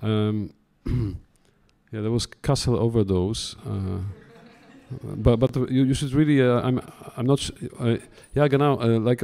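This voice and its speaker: A man's voice: mid-range voice, dark tone. A man addressing a talk audience in loose, chatty remarks full of stammering restarts. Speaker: curator in conversation. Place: talk room before an audience.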